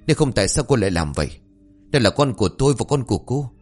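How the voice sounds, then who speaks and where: A man's voice: medium pitch, very animated, rapid-fire, faint music behind, voice pushed up. A man voicing an enraged, violent young husband with a raised, harsh delivery, in an audio story. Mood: furious. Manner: shouting accusations, raised and harsh.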